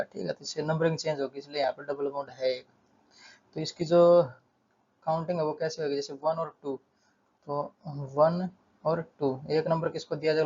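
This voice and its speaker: A man's voice: fairly high pitch, muffled recording. A male chemistry tutor explaining a lesson at a board, steadily repeating terms and counting aloud.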